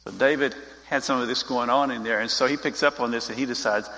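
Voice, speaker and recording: Guy with a gravelly voice teaching the bible, kinda forceful, chatty, long echo of a big hall. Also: medium pitch, steady tone, fast talker. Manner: conversational, talks straight to the group. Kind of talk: informal Bible teaching with slides.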